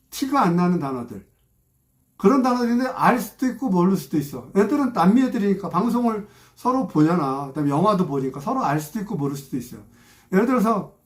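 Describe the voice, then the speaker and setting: A man from South Korea, hosting his channel in a casual, rambling talk, often repeating himself and trailing off. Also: high-pitched. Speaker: channel host.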